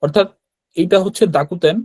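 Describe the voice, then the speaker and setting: A man's voice: high voice, a little fast, a little mellow, slightly rough, no room sound. A man with a Bangladeshi Bengali accent teaching beginners in an online class, explaining patiently and often checking in with "right?". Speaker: Japanese language teacher. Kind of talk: online class with screen sharing.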